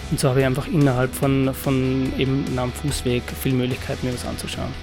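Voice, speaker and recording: A man, a bar owner answering interview questions casually with many pauses and restarts. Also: mid-range voice, level tone, music in the background. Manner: hesitant, many fillers and restarts.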